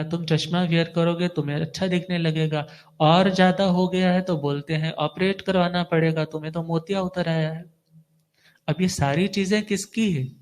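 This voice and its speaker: A man with a somewhat high voice gives a devotional sermon as a monk. He teaches patiently and explains each point step by step. He often puts a question to his listeners and then answers it himself. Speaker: Jain monk giving a discourse.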